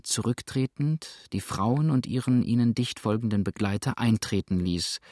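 A man narrating a novel in a measured audiobook reading. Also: mid-range voice, a little mellow, no room sound, studio quality.

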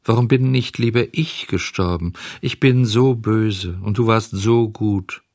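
A man's voice: expressive, creaky, no room sound, studio quality. A man voicing a desperate, weeping wooden puppet boy who pleads and sobs. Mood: despairing. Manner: sobbing, pleading, high and fast.

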